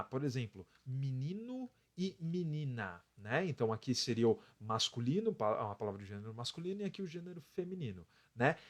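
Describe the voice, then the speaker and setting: A Brazilian man teaching English on a live stream, explaining step by step, counting out letters and often adding a tag question. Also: mid-range voice. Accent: Brazilian Portuguese.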